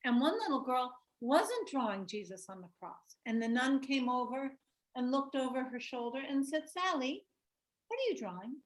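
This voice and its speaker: A woman's voice: sits high, expressive, normal speed. A woman presenting an online workshop on a video call, talking reflectively, telling stories and asking the group questions.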